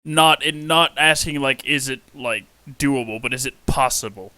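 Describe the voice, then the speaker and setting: A man's voice: mid-range voice, normal speed, pushed and bright, dry recording. A man playing in a tabletop role-playing game, stammering through his questions. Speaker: player.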